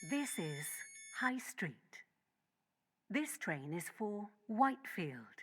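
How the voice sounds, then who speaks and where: A woman's voice: medium pitch, big pitch swings, slow. A woman giving recorded onboard train announcements in a polite, lilting delivery. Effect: onboard train announcement over the speakers. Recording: clear background noise.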